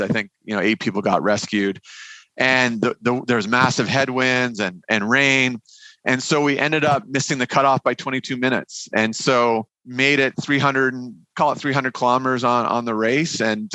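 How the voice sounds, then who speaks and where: A man speaks in a bright, edged voice in a very dry recording. His words come through nearly closed teeth, with little movement of the mouth. He talks casually, like a guest telling his own story. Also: medium pitch, no room sound, low-quality recording. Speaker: podcast guest.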